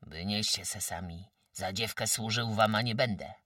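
A man voicing a defiant, sullen young peasant son making gruff demands. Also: on the low side, normal speed, sharp tone, no room sound, clean studio sound, recorded from a distance.

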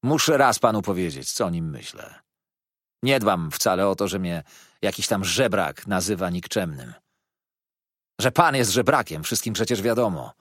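A man's voice: low-pitched, animated, moderate pace, fairly bright tone, dry recording, studio quality, exaggerated voice. A man voicing an arrogant, insolent older schoolboy who talks back to his teacher in a scornful, cocky way.

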